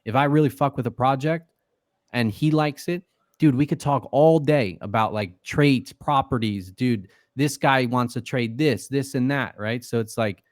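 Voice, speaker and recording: Unhurried and mid-range in pitch, a podcast guest talks loosely through a casual interview, cursing and filling pauses often. It's studio quality, with no room sound.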